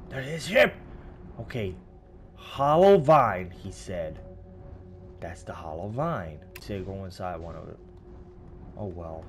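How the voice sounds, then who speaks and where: A man hosting a let's play, excitable and swearing, with sudden shouts. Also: deep voice, slow pace, pauses often, a little hiss or hum. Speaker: gaming channel host.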